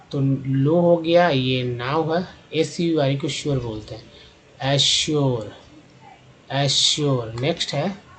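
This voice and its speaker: Man teaching pronunciation, drawn-out words. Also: fairly high pitch, darkish tone, rough recording. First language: Hindi. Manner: slow, repetitive, drawn-out demonstrations of sounds. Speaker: English teacher. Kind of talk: spelling and pronunciation lesson.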